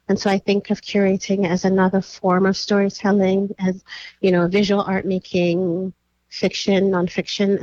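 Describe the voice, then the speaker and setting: Speaking in a mid-range, somewhat dark voice, this Nigerian curator and writer thinks through her interview answers with many pauses and fillers. There's no room sound at all, and the high frequencies are cut off.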